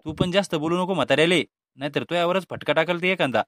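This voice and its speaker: A man's voice: on the high side, fast, a bit bright, no echo, studio quality, natural voice. A man voicing an exasperated, timid middle-aged father in a cartoon comedy, with a Vidarbha Marathi accent and a pleading tone.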